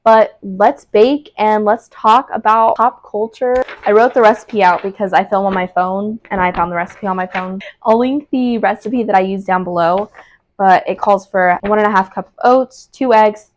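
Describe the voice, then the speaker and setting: A woman's voice: medium pitch, fairly even intonation, moderate pace. Chatty young woman baking at home. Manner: chatty, many fillers and restarts. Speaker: vlogger. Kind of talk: casual baking chat. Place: home kitchen. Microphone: small clip-on mic.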